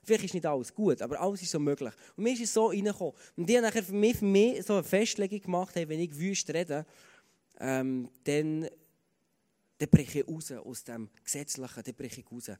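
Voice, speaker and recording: Earnest Swiss German preacher in a reverberant hall. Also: male voice, on the high side, a little fast, warm tone. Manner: earnest, conversational, with fillers and repeated starts. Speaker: pastor. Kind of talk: sermon with personal stories.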